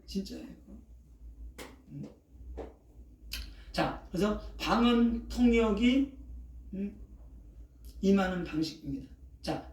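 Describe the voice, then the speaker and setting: An older pastor, in their sixties, preaches in a chatty, repetitive way, leaning on punchy sound words and checking in with the room again and again. The voice sits at a middling pitch. It reaches the mic from a distance, with the church's echo around it. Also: darkish tone. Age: 60s. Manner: keeps checking in with the congregation, asking "eh?" after each phrase. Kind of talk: sermon. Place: church sanctuary. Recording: roomy echo, voice picked up from a distance.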